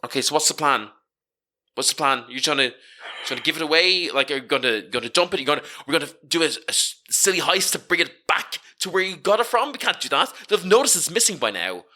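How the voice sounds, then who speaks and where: In improvised tabletop role-play, a man voices Rowena, an exasperated, street-smart woman who hustles stolen goods. The heavily acted voice sits on the high side, sing-song and fast, swinging widely up and down with a bright, forceful edge. She stammers and haggles as she argues her case.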